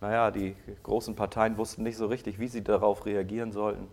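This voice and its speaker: A preacher giving a sermon who keeps asking the listeners rhetorical questions, checking in with short "ja?" tags and swinging between loud, stretched-out emphasis and quiet asides. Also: medium pitch, flat delivery, fairly quick. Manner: swings from loud to soft, drawing out key words.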